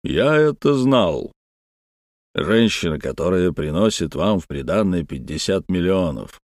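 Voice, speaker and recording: A man's voice: sits low, very animated, a little slow, dry recording, voice pushed down. A man voicing a miserly older banker in a storybook reading, curt and dry. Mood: smug.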